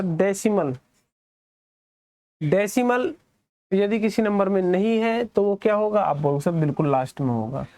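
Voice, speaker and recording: Speaking with an Indian accent, a man teaching maths asks the class questions and supplies the answers himself, going lower and quieter on the students' responses. There is no echo.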